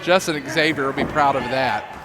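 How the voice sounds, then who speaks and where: A man calling the moves of a live wrestling match in excitable play-by-play and laughing easily with his partners. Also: medium pitch, normal speed, music in the background. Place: commentary desk at an indoor wrestling show in an education center. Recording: heavy background noise at a live show.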